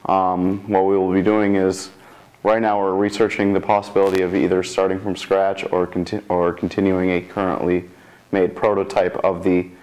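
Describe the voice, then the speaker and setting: Low, even-toned young man, halting delivery. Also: rough recording. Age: 20s. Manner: halting, frequently rephrasing mid-sentence. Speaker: computer science student developer. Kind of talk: informal interview about a project.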